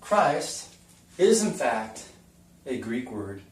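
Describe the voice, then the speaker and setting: A very animated man of medium pitch draws out his words while teaching a casual whiteboard lesson, talkative and folksy, asking the viewer questions. The teacher is captured by a distant camera mic across the room, with the camera taped to the wall, producing a roomy echo.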